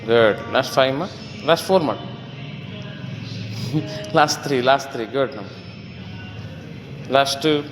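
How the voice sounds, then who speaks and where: A man's voice: medium pitch, normal speed, pauses often. A man coaching his wife through a gym workout, giving short commands and counting reps. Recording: echoey gym hall with faint music.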